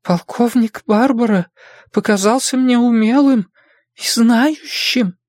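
A man's voice: takes it slowly, dry recording, clean studio sound. A man reading an audiobook, voicing a flustered middle-aged woman who serves as a town official. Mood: hesitant. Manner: high, shrill and indignant. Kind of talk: audiobook character voice.

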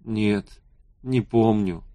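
A man doing a hoarse, hungover young man. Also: fairly low pitch, very slow, no room sound. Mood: pained. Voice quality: hoarse, croaking. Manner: weak, pained, quiet.

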